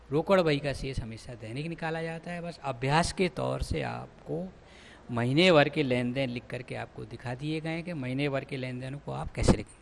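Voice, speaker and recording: A man's voice: a little high, creaky, slight background noise. A man teaching an accountancy class, explaining step by step and addressing his students as children. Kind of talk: classroom lecture.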